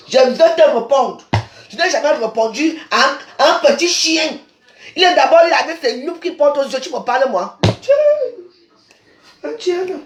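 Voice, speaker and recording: A social media personality from Cameroon rants angrily live online in Cameroonian French, combative and repeating her insults. Her voice is high and female, and the phone recording has a noisy background and a roomy echo.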